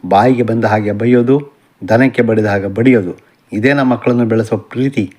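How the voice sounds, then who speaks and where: A man's voice: fairly low pitch, fairly even intonation, fairly quick, darkish tone, close to an everyday voice. A man voicing an angry, defiant young male college student in an audiobook novel, speaking in a bitter, confrontational way. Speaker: son.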